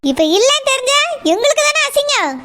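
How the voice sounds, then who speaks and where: A woman's voice: very high-pitched, animated, quick pace, background noise. Woman voicing a furious scolding cartoon mother. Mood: angry. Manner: harsh, ranting, scolding. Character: furious middle-aged mother, scolding and bitter. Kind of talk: cartoon voice acting.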